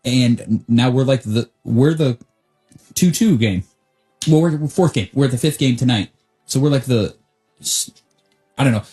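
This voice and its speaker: A man's voice: mid-range voice, normal speed, long pauses, warm tone, soft background music. A man co-hosting a casual sports podcast, talking in rambling bursts and restarting his sentences. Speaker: podcast co-host.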